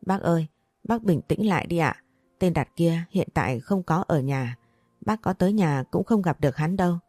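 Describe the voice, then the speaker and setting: A woman's voice: on the low side, animated, normal speed, warm tone, dry recording. Woman reading a polite earnest young man. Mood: pleading. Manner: polite, deferential pleading.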